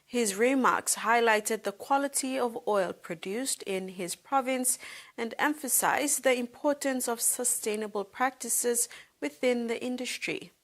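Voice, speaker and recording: A woman's voice: a little high, unhurried. Woman anchor reading the news.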